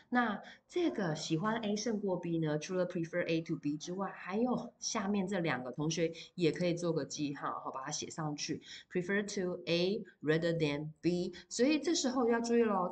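A woman teacher explaining English vocabulary to high school students in Mandarin, reading English example sentences slowly and stopping often to talk to the class. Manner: addresses students directly with fillers like 好 and 哦. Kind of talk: recorded vocabulary lesson.

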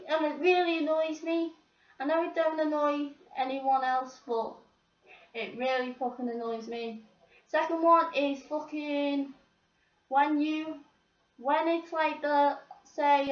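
A woman's voice: high voice, distant mic. A teenage girl, swearing and complaining as she rants to the camera. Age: teens. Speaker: vlogger. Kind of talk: ranting to camera. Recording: roomy, off-mic, dull lo-fi sound.

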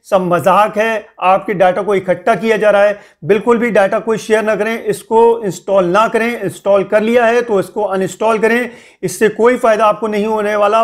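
High-voiced man scolding in a news update. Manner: scolding, repeats warnings. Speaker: news channel host. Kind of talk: casual spoken news update.

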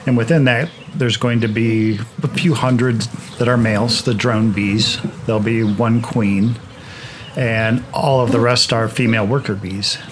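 A man explaining swarming while working his beehives in a grassy yard, in a relaxed manner with frequent restarts. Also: medium pitch, a little slow, a little hiss or hum. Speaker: beekeeper, channel host. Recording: outdoor recording with insect buzz behind.

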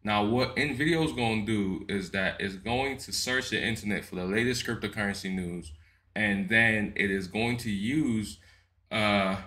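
A man with a lowish, bright and forceful voice hosts a relaxed software walkthrough. He talks through each step in a chatty way, tags lines with "right?" and often restarts his sentences. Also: moderate pace. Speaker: tech tutorial host. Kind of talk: casual screen-recorded software walkthrough.

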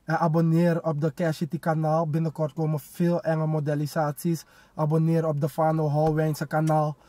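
A man's voice: on the high side, monotone, moderate pace, warm tone, no echo. A young man chatting casually and telling personal stories in street slang mixed with English, with repeated filler phrases. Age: young adult. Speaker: rapper, guest. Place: inside a parked car.

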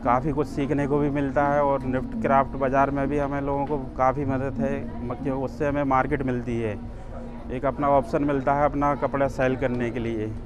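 A man's voice: mid-range voice, little pitch movement, a little fast, noisy background. A man in his thirties, a handloom sari weaver, explaining his craft plainly in an interview at an exhibition stall on a lapel mic. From Madhya Pradesh, India.

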